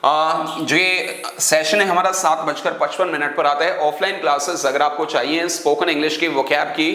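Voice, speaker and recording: A man's voice: a little high, fairly even intonation, moderate pace, sharp tone, reverberant. A man teaching English vocabulary to exam students, explaining words through memory tricks and asking questions he then answers himself. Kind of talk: online class teaching.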